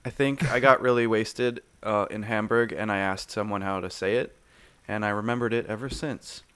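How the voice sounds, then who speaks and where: A male podcast co-host in casual chat, dropping deadpan one-liners. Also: on the low side, normal speed, clear, resonant tone.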